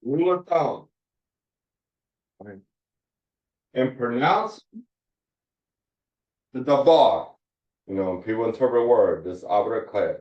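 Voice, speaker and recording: A man teaching a Hebrew phonics class, explaining slowly and repeating his points as he writes on a board. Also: mid-range voice, expressive. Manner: slow, repeats points, restarts mid-sentence. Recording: echoey room, dull lo-fi sound.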